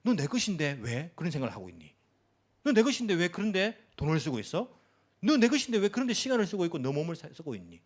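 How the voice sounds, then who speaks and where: A man's voice: on the high side, huge pitch swings, fast. A man voicing the Lord as a male figure, questioning a believer firmly and insistently. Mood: reproachful.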